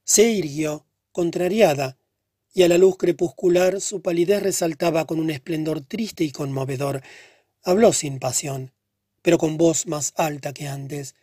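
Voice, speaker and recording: A man narrating a literary short story in a measured, earnest way. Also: on the high side, warm tone, dry recording, studio quality. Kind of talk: scripted audiobook narration.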